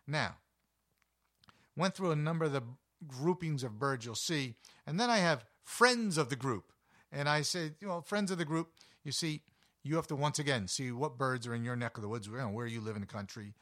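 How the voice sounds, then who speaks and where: A man with a deep voice, hosting a nature show and chatting enthusiastically with frequent fillers. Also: a bit bright. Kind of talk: casual talk about backyard birds.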